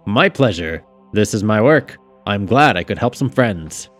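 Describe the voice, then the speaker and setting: A man voicing a polite, eager townsman who speaks brightly and a little louder. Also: lowish voice, animated, measured pace, soft background music. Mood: cheerful. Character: cheerful, courteous town official in his office.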